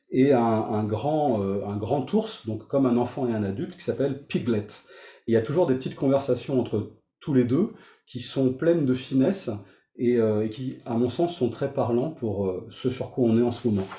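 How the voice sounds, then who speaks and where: A man's voice: medium pitch, mellow. A man teaching meditation, talking informally to his group in front of a camera, hesitant with many fillers and restarts. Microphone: facing a camera. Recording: roomy echo.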